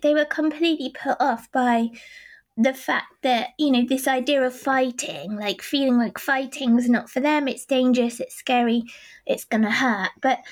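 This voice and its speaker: Forties woman, high-pitched, reflective and sincere, interview guest. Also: darkish tone. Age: 40s. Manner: earnest, reflective, laughs lightly. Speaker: boxing club co-founder. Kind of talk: conversational interview answers.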